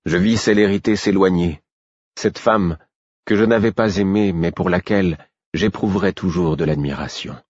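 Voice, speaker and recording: Male audiobook narrator, very low husky voice, dry and slightly muffled recording. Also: darkish tone, no echo. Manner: measured, dramatic reading. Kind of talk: scripted narration.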